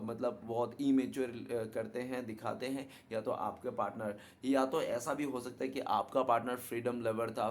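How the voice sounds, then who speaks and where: Chatty man giving a flat tarot reading. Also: medium pitch, slight background noise. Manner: chatty, repeats "ठीक है ना" as a tag. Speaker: tarot reader. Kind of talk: casual tarot reading to viewers.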